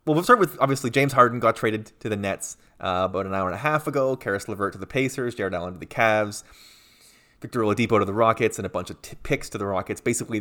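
Man hosting a sports podcast chat, fairly low voice, loose and rambling. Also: bright, forceful tone. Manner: rambling, many fillers and restarts. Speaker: podcast co-host.

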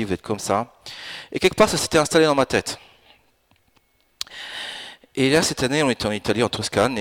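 A man in his fifties delivers a church sermon from the pulpit. His voice sits at a middle pitch, and his delivery is animated, rising into emphatic, urgent bursts as he presses his points. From France and Italy. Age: 50s. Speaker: pastor. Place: church in Alsace.

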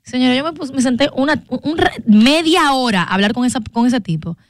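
A woman hosting a radio talk show, chatting casually and telling stories with animated laughter. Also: high-pitched, brisk, no room sound, clean studio sound. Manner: animated storyteller, laughs often. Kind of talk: casual studio chat. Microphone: studio microphone.

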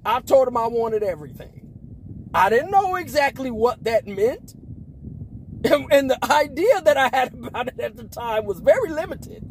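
High-voiced, lively man in his forties. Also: moderate pace, a little hiss or hum, poor audio. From Las Vegas, Nevada, US. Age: 40s. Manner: laughs often, slangy and emphatic, bursts into shouts. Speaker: preacher and podcast host. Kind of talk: casual preaching talk.

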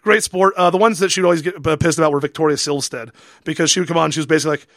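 Man, podcast co-host, rapid and gravelly, joking gossip, dry studio mic. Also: fairly high pitch, fairly even intonation, fairly bright tone, no room sound. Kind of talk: casual chat.

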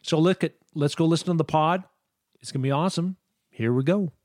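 A man's voice: fairly high pitch, a little fast, darkish tone. A middle-aged man hosting his podcast from a home studio, upbeat and enthusiastic, often restarting his sentences. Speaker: podcast host. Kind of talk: casual podcast talk.

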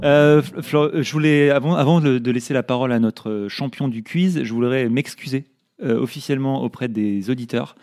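A man's voice: mid-range voice, moderate pace, darkish tone, faint music behind. A man co-hosting a casual podcast among friends, joking and self-mocking. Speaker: podcast co-host.

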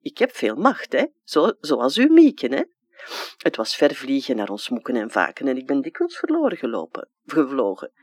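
A performer reading a dead orphaned man who speaks in a Flemish accent, childlike and wistful, with a jumping pitch. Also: wildly swooping pitch, normal speed, slightly rough, no room sound, clean studio sound. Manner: childlike, jumping pitch, plain dialect talk. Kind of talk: dramatic literary reading.

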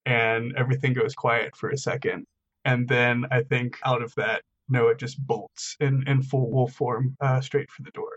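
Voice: medium pitch, little pitch movement, a little slow, lo-fi sound. A player in a tabletop role-playing game, describing his character's actions in a rambling way full of fillers.

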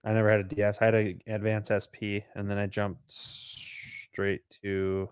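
A young man on a podcast, bantering quickly and getting excited. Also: fairly low pitch, clear, resonant tone, dry recording, clean studio sound. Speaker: podcast co-host. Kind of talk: casual chat.

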